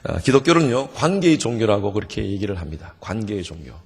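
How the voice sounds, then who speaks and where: A middle-aged male pastor preaches a revival sermon in a husky, gravelly voice, playful and quick to joke with the congregation. His words ring out with the long reverb of a church hall. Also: fairly low pitch. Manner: lively, joking preacher who has the congregation repeat after him. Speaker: revival meeting guest pastor. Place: church sanctuary.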